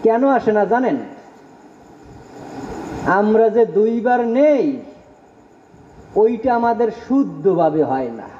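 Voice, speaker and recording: A man's voice: sits high, lively intonation, slow pace, long pauses, slight background noise. A man giving a devotional sermon, repeating phrases emphatically and leading the audience in call-and-response. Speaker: preacher. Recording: dull, echoey hall sound.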